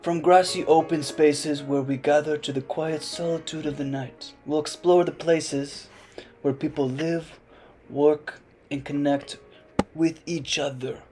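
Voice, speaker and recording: A young man narrating a parody nature documentary in a hushed, mock-solemn wildlife voice. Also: fairly high pitch, fairly even intonation, measured pace. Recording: music playing underneath.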